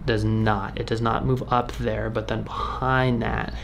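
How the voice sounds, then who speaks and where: A man with a fairly low voice speaks in an even tone and at a slightly slow pace. He's a chiropractor talking a patient through the treatment as he works, keeping it conversational and reassuring. The recording from the indoor treatment room is clean, with only the room's ambient sound behind him.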